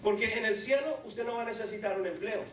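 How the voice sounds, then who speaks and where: A man's voice: sits high, fast, slight background noise. A man preaching a fervent sermon as pastor, exhorting the congregation to have faith. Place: large church hall. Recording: echoey hall, distant mic, music behind.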